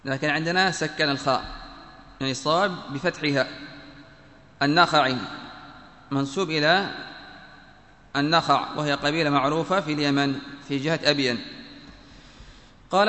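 Male teacher, fairly high and bright voice, measured and exacting delivery, reverberant hall. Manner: measured, pedantic spelling out of vowels, repeats phrases when correcting. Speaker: teacher reading a text aloud. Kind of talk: classical text reading with commentary. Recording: echoey room with long reverb.

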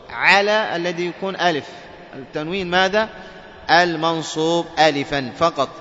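A man teaching Quran recitation rules. He keeps checking "clear?" with his students and chants example words slowly. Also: high-pitched, pushed and bright, a little hiss or hum. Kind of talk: tajweed lesson. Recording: dull recording with long hall reverb and faint ambience.

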